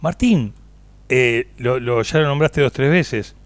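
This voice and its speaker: A man's voice: mid-range voice, takes it slowly, dry recording. A man with an Argentine accent hosting a radio interview, asking brief questions and dropping short interjections. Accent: Argentine Rioplatense Spanish. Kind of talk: casual interview chat. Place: radio studio.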